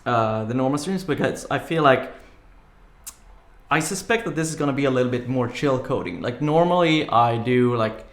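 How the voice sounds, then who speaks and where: Animated and talking at a normal speed, a man with a mid-range voice hosts a live coding stream, rambling casually with many "like" fillers and easy laughs. He's in a home room with an echoey sound.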